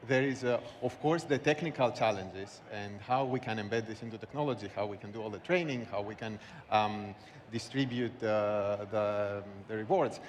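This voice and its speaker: Halting man speaking in a reverberant hall. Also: fairly low pitch. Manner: halting, searching delivery. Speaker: panelist. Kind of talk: conference panel remarks. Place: large conference hall. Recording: echoey hall, background noise.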